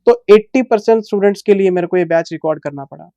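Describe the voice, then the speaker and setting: Slow, patient male teacher, smooth voice. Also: high-pitched, dark tone, no echo, muffled recording. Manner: deliberately slow, patient delivery; fatherly, calls students "son". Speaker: accounting teacher. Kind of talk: explaining course details to students.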